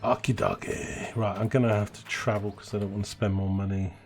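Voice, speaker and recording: A man's voice: on the low side, flat delivery, quick pace, darkish tone, soft background music. A British man casually commenting on his gameplay, thinking aloud and correcting himself as he goes. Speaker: gaming channel host. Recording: clear game vehicle noise behind voice. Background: game engine and truck sounds.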